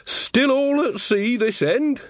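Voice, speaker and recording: A man's voice: extremely high pitch, slow, no room sound, voice pushed up. A man voicing an earthy, shrewd old woman witch who talks in a folksy, blunt, teasing way. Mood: wry. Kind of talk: audiobook character reading.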